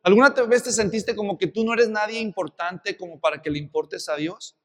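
Speaking with a Mexican accent, a man delivers an expository sermon, recounting a Bible story in a lively way full of rhetorical questions. His voice is high and brisk, and the sound suggests a big room.

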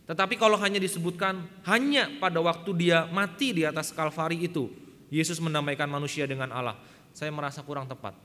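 A man's voice: a little high, a little fast, a bit bright, in a large hall. A man preaching a sermon, emphatic and often addressing the congregation directly, telling a story. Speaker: pastor. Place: church hall.

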